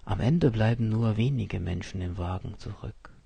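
A man narrating a story in the first person, calm, cold and measured. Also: lowish voice, gravelly, slightly rough, dry recording.

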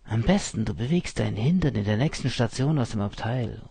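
A man voicing a rude, arrogant grown man who talks loudly and with scorn. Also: medium pitch, lively intonation, a little fast, creaky, slightly rough, no echo, heavily acted. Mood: threatening. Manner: brusque, loud and scornful.

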